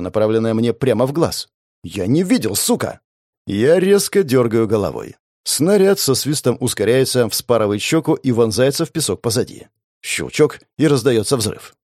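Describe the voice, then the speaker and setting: A man's voice: medium pitch, darkish tone, dry recording, studio quality. A man giving gritty, intense first-person fantasy audiobook narration, swearing now and then.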